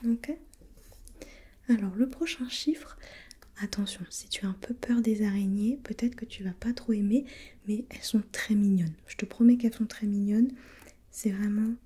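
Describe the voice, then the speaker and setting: A woman playing a gentle, patient preschool teacher in a soft, breathy whispered role-play, encouraging and repeating softly. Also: medium pitch, steady tone, normal speed, natural voice.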